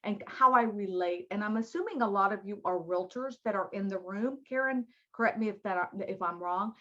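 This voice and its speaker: A woman with a Southern American accent leads an online training in a friendly, folksy way, talking to her listeners as y'all. Her voice sits in a middle range, and the web audio sounds a bit dull. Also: medium pitch. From born in New York City, raised in Miami. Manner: chatty, folksy, addresses audience as y'all. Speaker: diversity and inclusion trainer. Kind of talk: live online training presentation.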